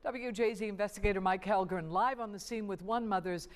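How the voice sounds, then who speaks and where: A woman news anchor introducing a report in a clear, composed studio delivery. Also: medium pitch, brisk.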